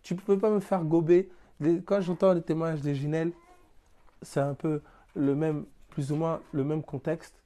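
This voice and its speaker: A Frenchman's voice sits on the high side, dark in tone, with level intonation and a moderate pace. He teaches spiritual ideas plainly and casually, illustrating them with everyday examples and rhetorical questions.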